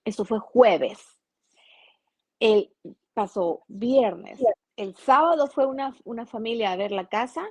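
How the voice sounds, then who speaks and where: A woman with an Ecuadorian accent, a journalist guest telling a personal story in a casual interview, earnest and animated, often restarting her sentences. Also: on the high side, slow, no room sound. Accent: Ecuadorian Spanish.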